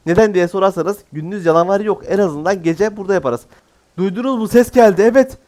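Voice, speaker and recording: A man's voice: sits high, quick pace, darkish tone. A man giving casual, jokey let's-play commentary as a gaming YouTuber, exclaiming often.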